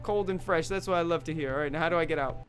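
A man's voice: a little high, rapid-fire, faint music behind. A young man playing a video game for viewers, joking and reacting as he goes. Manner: jokey, animated, talks to viewers. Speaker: gaming YouTuber. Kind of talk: let's play commentary.

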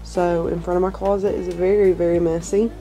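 Her voice on the low side, warm and level, a young Southern US woman chats fairly quickly to camera from a cluttered bedroom. She comes across as candid, self-conscious, and reassuring, with faint music behind her and the camera mic close by.

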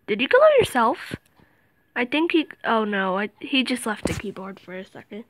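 A woman giving excited game commentary, dropping to whispers and jumping to shrieks. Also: a little high, normal speed, dry recording, poor audio. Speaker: gaming video host.

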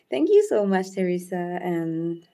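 A woman with a lowish voice, whose native language is Urdu, hosts a nail art tutorial. She softly and unhurriedly guides viewers through a live demonstration, thanking people in the chat by name.

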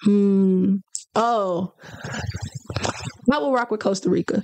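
A woman's voice: mid-range voice, takes it slowly, a little mellow, dry recording. A young woman as a guest on a podcast, chatting casually and laid-back into a studio mic in a small home studio, laughing easily. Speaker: guest musician. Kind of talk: casual interview chat. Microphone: studio mic on boom arm.

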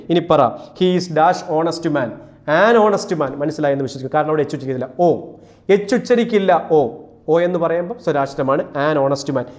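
A man from Kerala teaching English grammar for an exam course, repeating each rule and reading example sentences out slowly. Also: high voice. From Kerala, India. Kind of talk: classroom-style exam lesson.

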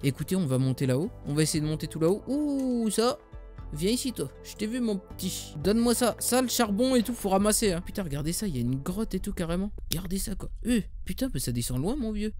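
Excitable high-voiced French gamer. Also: male voice, fast talker, soft background music. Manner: excitable, slangy, swears, addresses viewers directly. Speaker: gaming YouTuber. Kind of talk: casual Let's Play commentary.

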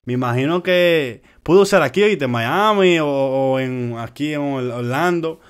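A man's voice: medium pitch, measured pace, clear, resonant tone. A man hosting a casual music reaction video, talking chatty and slangy straight to his viewers. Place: home in Orlando.

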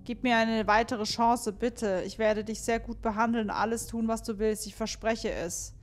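A woman reading out the slow, pleading note of an obsessive ex-boyfriend in her own voice. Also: on the high side, steady tone, natural voice. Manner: reads a pleading note slowly.

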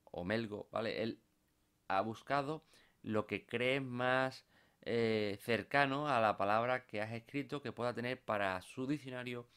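A computer course instructor from Spain records his screen for a software tutorial, explaining patiently and tagging phrases with "¿vale?". He has a mid-range voice.

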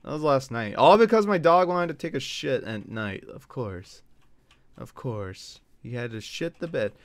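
A young man casually chatting and swearing while live-streaming a video game, griping about his runs and telling stories in an animated way. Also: mid-range voice, measured pace, no echo. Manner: swears a lot, frustrated and animated storytelling.

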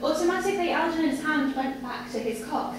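A high-voiced woman reads a story to a small audience at a live literary event in an indoor cafe bar, speaking fairly quickly. A distant camera picks her up, so the sound is very echoey, with plenty of room noise and audience ambience around her.

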